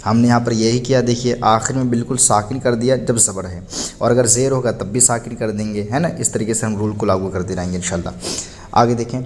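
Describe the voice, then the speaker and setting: Patient male teacher spelling slowly. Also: medium pitch, fairly even intonation, a little mellow, slight background noise. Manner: spells words out slowly, letter by letter; patient, explanatory, asks and answers his own questions. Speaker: Quran reading teacher. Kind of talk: recorded lesson.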